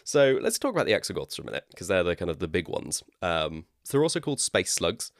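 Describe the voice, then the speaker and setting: A man's voice: low voice, big pitch swings, fast talker, no room sound, clean studio sound. A man with a West Country accent co-hosting a podcast, explaining in a rambling, chatty way and laughing at himself. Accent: West Country English. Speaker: podcast co-host. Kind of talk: casual chat.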